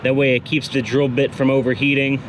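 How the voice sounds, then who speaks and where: Working beside a vehicle on a sunny day, this DIY host narrates his hands-on tutorial casually, talking through his thoughts. He speaks briskly and flatly at medium pitch, recorded by a nearby action camera that captures clear outdoor noise.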